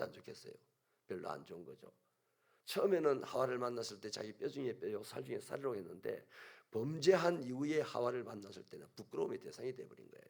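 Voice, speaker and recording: A man pastor with a Gyeongsang accent preaching a sermon in a church, telling stories in an animated way and acting out scenes. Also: mid-range voice, creaky, slightly rough. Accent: Gyeongsang Korean. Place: church sanctuary.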